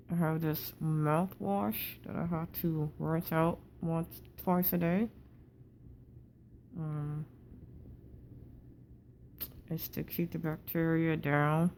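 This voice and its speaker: A low, slow-talking woman speaks through a wired-shut jaw, her words muffled behind closed teeth. She is tired and sore, halting and effortful, with a gravelly creak in a casual video diary. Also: dark tone, slight background noise. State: tired, sore with swollen cheek. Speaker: patient recovering from jaw surgery.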